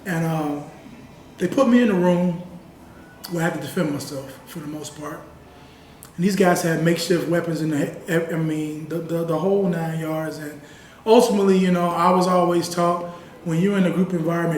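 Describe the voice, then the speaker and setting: A man with a high voice recounts his experiences in a sit-down interview, earnest and conversational. He is picked up from a distance by the mic. The room is roomy, with a faint hum of ambience behind him. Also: fairly even intonation, fairly quick, darkish tone. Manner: earnest, conversational, heavy use of "you know". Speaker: interview guest. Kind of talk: personal storytelling in a sit-down interview.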